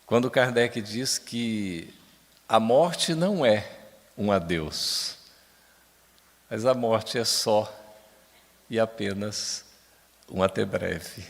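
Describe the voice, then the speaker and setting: A man from Brazil giving a spiritist lecture, slow and emphatic, turning to chat with the audience. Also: on the low side. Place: large lecture hall. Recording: long hall reverb.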